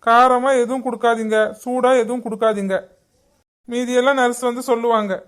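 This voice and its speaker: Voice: mid-range voice, flat delivery, a little fast, a bit bright, clean tone, lightly acted. A voice actor playing a matter-of-fact hospital doctor in a cartoon. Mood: stern.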